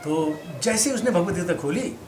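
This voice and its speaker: A man's voice: sits high, moderate pace. A man telling a humorous personal story at a scripture class, acting out the dialogue as he goes and often mixing English phrases into his talk. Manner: animated, laughing, acts out dialogue; mixes Hindi with English phrases. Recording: echoey room with background noise.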